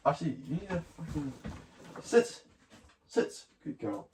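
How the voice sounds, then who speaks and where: A man's voice: on the high side, sing-song, unhurried, a little mellow, a little hiss or hum. A Scottish man chatting casually on a livestream, rambling along with jokey mock-boasting. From Scotland. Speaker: live streamer. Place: at home, moving between outdoors and indoors.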